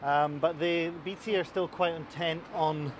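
A Highland Scottish man with a slightly high voice talks as a local guide in an interview, explaining things with some hesitation. He is recorded outdoors, with some traffic noise behind him. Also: steady tone, unhurried. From Inverness, Scottish Highlands. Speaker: local councillor being interviewed. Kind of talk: conversational guided commentary while out cycling. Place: outdoors on a busy city street. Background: traffic and street noise.

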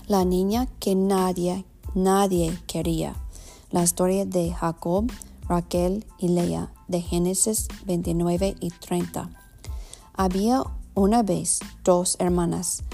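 A woman with an American accent in Spanish, a native English speaker, reading a children's storybook aloud with halting, self-corrected phrasing. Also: on the low side, warm tone. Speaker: storybook reader. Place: at home.

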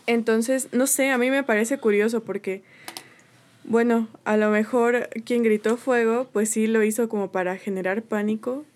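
A woman's voice: fairly high pitch, steady tone, moderate pace, a little mellow. A woman co-hosting a casual podcast, talking hesitantly and unsure of herself. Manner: hesitant, unsure, many fillers. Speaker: podcast co-host. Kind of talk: casual chat.

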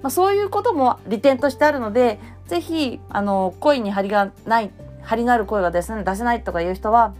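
Chatty woman with a lively, bouncing voice. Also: on the high side, faint music behind. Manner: cheerful, chatty, lots of fillers; deliberately raised, bright speaking tone. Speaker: voice blogger. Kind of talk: casual spoken advice.

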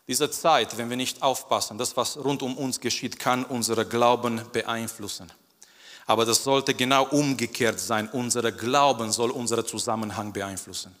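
A man preaching a sermon in an animated way, repeating phrases for emphasis and acting out the quotes. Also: medium pitch, moderate pace. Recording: long hall reverb.

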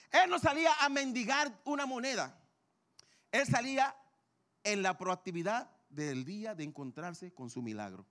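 A man's voice: very high-pitched, pushed and bright. A man preaching a sermon, asking rhetorical questions and repeating key phrases for emphasis. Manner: dramatic rise and fall, rhetorical questions.

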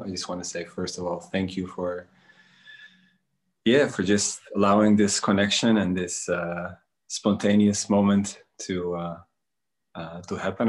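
A low-pitched man from Bosnia, who works as a spiritual coach, answers interview questions hesitantly and thoughtfully, pausing often.

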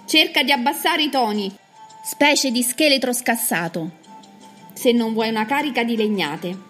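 A woman doing a loud, fearless young hero. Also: a little high, normal speed, faint music behind, lightly acted. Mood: bold. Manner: brash, scolding and mocking. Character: fearless, cocky young man, brash and loud. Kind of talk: children's storybook reading.

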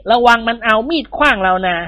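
A narrator voicing a rich young man, a sidekick who talks roughly and blusters. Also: mid-range voice, expressive, quick pace, sharp tone, no room sound, pitched above the performer's own voice. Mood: gleeful.

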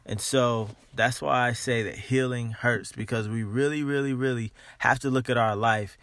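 A man with a mid-pitched voice gives an informal motivational monologue as a podcast host. He is emphatic, repeating phrases and leaning on key words. The recording is dry and free of room sound. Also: steady tone, moderate pace, fairly bright tone, no room sound.

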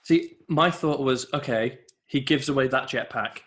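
A man's voice: medium pitch, normal speed, fairly bright tone. A man co-hosting a casual podcast, steadily recapping an episode's plot. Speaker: podcast co-host. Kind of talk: casual TV episode review chat.

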